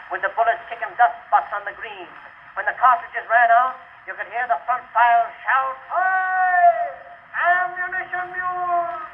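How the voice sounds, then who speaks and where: A man's voice: sits high, phone-quality sound, natural voice. A man playing a boisterous British soldier in a hammy recitation of verse. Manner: hammy theatrical stage declamation, shouting and swelling. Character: rough, boisterous old British soldier in India, reminiscing fervently. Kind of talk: 1920s dramatic verse recitation. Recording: scratchy band-limited 1920s acoustic record.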